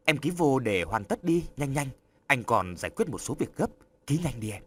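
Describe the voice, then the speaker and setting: A man voicing a charming, smooth-talking deceiver in an audiobook story, coaxing and soothing. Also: medium pitch, big pitch swings, normal speed, a little hiss or hum, natural voice. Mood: hurried. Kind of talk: audiobook character voice.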